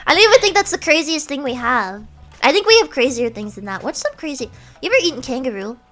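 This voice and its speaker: A woman's voice: high-pitched, very animated, quick pace, a bit bright. A young American woman streamer chatting casually and animatedly, giggling as she tells stories. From United States. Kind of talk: casual chat.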